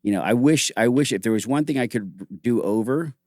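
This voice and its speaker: A middle-aged man hosting a casual podcast conversation, telling animated stories full of "like" and acted-out quotes. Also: medium pitch, a little fast, dry recording, clean studio sound. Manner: animated storytelling, acts out quotes; heavy use of "like", frequent restarts. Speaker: host.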